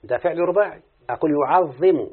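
Over a tinny, phone-like line, a man with an Egyptian accent speaks quickly in a fairly high, husky voice. He's a student reciting an Arabic morphology lesson in question-and-answer form, working through it step by step and repeatedly checking with his teacher.

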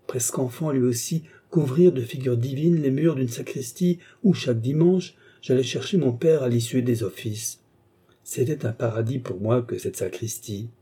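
Brief: man putting on an eager middle-aged baker's wife, fervent, dark husky tone, storybook. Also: medium pitch, close to an everyday voice. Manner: fervent, pleading.

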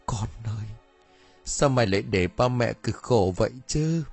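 A man's voice: medium pitch, animated, normal speed, breathy edge, soft background music. A man voicing a worried middle-aged mother and wife who pleads tearfully, in an audiobook story reading. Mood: weeping.

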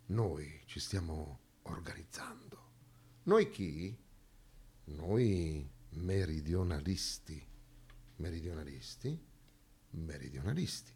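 A man with a low, warm, husky voice acts on stage, giving a dramatic monologue. He declaims emphatically, repeating lines for rhetorical effect.

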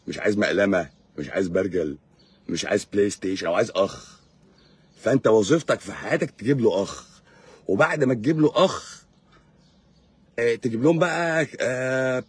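A man's voice: fairly low pitch, husky, dry recording. A man with an Egyptian accent, a doctor hosting a live stream, lecturing in a sarcastic, mocking way. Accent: Egyptian Arabic. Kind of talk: casual live-stream monologue.

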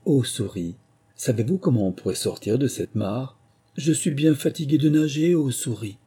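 A man's voice: medium pitch, moderate pace, mellow, breathy edge, natural voice. A man voicing Alice, a curious and polite young girl, in a storybook reading, with a raised, eager and pleading tone.

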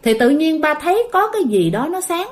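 Woman, casual ghost story narration, high pitched, very animated. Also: a little fast. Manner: chatty, addresses listeners directly.

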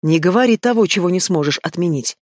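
A man's voice: sits high, lively intonation, fast, no room sound, studio quality. A man voicing a proud, stubborn old she-wolf, a mother, in an audiobook. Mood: defiant. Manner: defiant, hissing.

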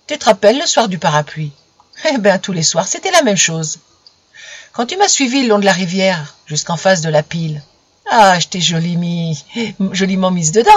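A woman's voice: medium pitch, breathy edge, no room sound. A woman doing a sheepish young farm lad. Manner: rustic chatty confession. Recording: dull lo-fi recording.

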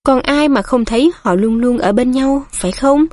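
A woman's voice: high voice, moderate pace, darkish tone, close to an everyday voice. A woman voicing a chatty, confiding woman innkeeper in a storybook reading.

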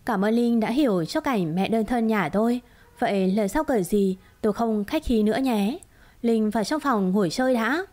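A woman's voice: a little high, lively intonation, moderate pace, darkish tone, close to an everyday voice. A woman reading as an indignant young mother. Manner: curt and indignant. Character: wronged young mother, defiant.

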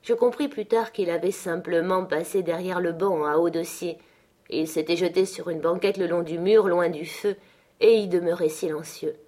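Low-voiced woman narrating a novel. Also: steady tone, normal speed, dark tone. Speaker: audiobook narrator. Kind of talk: literary audiobook narration.

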